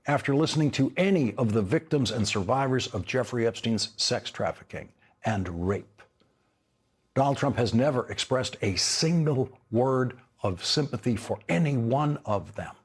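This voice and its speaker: An older man delivering scripted news commentary as an anchor, emphatic and indignant with deliberate phrasing. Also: medium pitch, husky.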